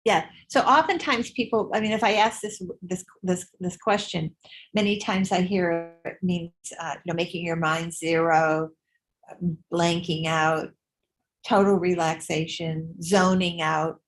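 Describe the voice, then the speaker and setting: A woman's voice: lowish voice, steady tone, a little slow, low-quality recording. Chatty older woman teaching meditation. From United States. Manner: chatty, laughs easily, repeats words while thinking. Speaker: Buddhist teacher. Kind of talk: informal dharma talk to a group. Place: meditation room.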